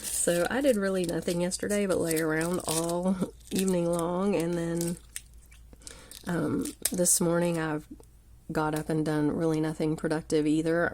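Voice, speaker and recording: Hosting a casual live craft tutorial indoors, this congested woman has a low, gravelly voice and a cold, with a faint hiss audible behind her. An overhead camera captures her hands at the table. She rambles chattily and often trails down to a murmur.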